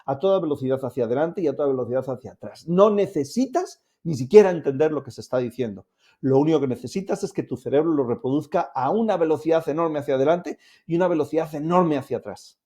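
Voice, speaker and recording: Man, self-help coach, fairly high voice, warm and mellow, talks straight to the viewer. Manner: explains directly to the viewer, upbeat and coaxing. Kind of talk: instructional talk to camera.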